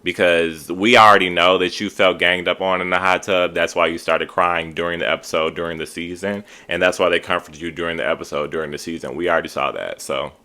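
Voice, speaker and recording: Guy with a really deep but bright punchy voice doing casual opinionated tv recap, slangy and emphatic. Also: steady tone, fairly quick, few pauses. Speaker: reality TV reviewer.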